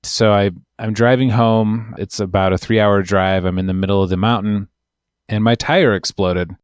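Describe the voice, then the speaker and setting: A man's voice: lowish voice, fairly even intonation, normal speed, clear, resonant tone, no room sound, clean studio sound. A man, an immigration lawyer, telling a long, wry, rambling story in casual podcast chat.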